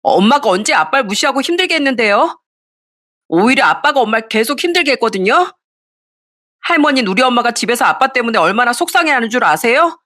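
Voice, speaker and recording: A woman's voice: a little high, big pitch swings, quick pace, sharp tone, voice pushed up, exaggerated voice. A woman voicing an eleven-year-old boy who speaks up bluntly and earnestly for his mother, in an audio story reading.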